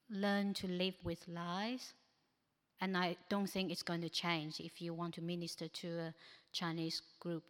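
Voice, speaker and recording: A lowish, fairly bright voice fills an echoey hall with long reverb as a non-native English-speaking woman presents practical advice with slides at a church ministry training. She hesitates often.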